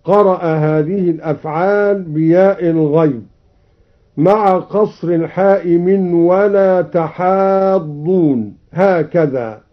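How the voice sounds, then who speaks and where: A man introducing a Quran recitation on the radio, who explains the reading variants in a measured way and then chants each verse example. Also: high-pitched. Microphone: studio broadcast microphone. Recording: slightly dull archival radio recording.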